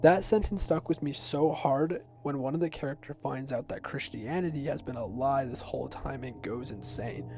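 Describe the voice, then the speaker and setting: Music runs underneath as a young man in his teens or early twenties delivers semi-scripted explainer narration in a relaxed, personal manner. He has a mid-range, dark-toned voice and a moderate pace, barely pausing at all.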